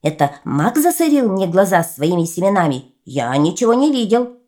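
A woman voicing a flustered male pheasant who protests loudly in a raised voice. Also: very animated, moderate pace. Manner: loud, high, clucking protests. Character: flustered wild male pheasant, excuse-making.

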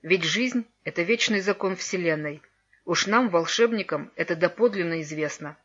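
Woman reading kind old wizard grandpa, gentle and solemn, storybook, muffled lo-fi sound. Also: lowish voice, normal speed, breathy edge. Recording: dull lo-fi recording.

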